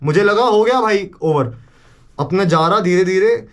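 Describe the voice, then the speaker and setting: A young man vlogging casually, retelling a story in an animated way and mixing in English phrases and swearing. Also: high voice, measured pace.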